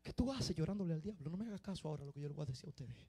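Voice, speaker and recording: A man preaching a sermon, dropping to quiet confiding talk and rising to loud shouted exhortation. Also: fairly high pitch, lively intonation, racing, slightly rough.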